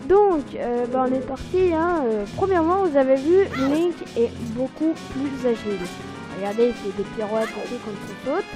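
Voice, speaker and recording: Hoarse, high-voiced woman gamer. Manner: informal, youthful slang. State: hoarse, strained throat. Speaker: let's play host. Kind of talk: casual game commentary, reading dialogue aloud.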